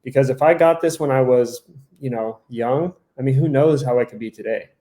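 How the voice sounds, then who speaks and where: Mellow-voiced man rambling in casual talk. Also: medium pitch, brisk. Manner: rambling, frequent "like" and self-corrections; acts out his own thoughts in quoted asides. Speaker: podcast co-host. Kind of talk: casual chat.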